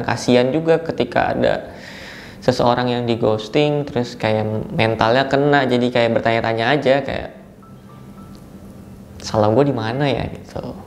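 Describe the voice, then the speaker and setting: A man's voice: mid-range voice, creaky, darkish tone, slight background noise. A man of twenty-three answers interview questions bluntly and in slang, swearing freely. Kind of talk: casual vlog interview answers.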